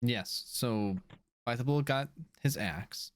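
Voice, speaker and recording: A man's voice: medium pitch, slow pace, no room sound. A man running a tabletop game as game master, narrating casually with lots of fillers.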